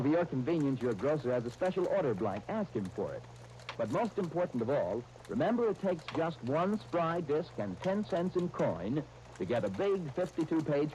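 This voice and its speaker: A man with an American accent, working as radio announcer and show host, delivers a sponsor-style pitch in 1930s radio fashion. His voice is mid-range with a darkish tone, heard on a hissy, low-quality 1939 broadcast disc.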